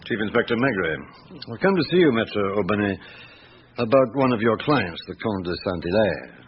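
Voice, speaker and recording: An actor playing a patient police chief inspector in a classic radio drama, asking courteous, terse, probing questions. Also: male voice, very animated, moderate pace. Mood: courteous, businesslike. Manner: terse, courteous questioning with low murmured responses. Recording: dull, hissy old radio recording.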